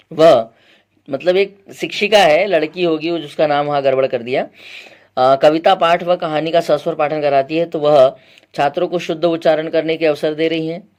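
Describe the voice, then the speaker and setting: In an exam-prep lecture, a male teacher works through the material point by point, quizzing his students with repeated questions and frequently clearing his throat. His voice is fairly high and darkish in tone, with fairly even intonation, a moderate pace and long pauses.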